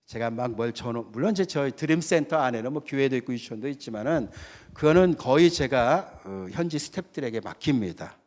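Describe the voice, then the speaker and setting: A man's voice: medium pitch, lively intonation, fairly quick, a little mellow. A man who is a missionary pastor, preaching a sermon in a conversational way and often checking that his listeners agree. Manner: conversational, keeps asking the congregation to agree; tells stories and acts out the characters.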